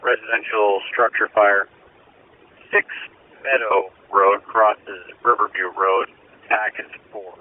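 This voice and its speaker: A man's voice: fairly low pitch, steady tone, takes it slowly. A man working as a fire dispatcher, announcing a call over the radio. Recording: tinny narrowband radio.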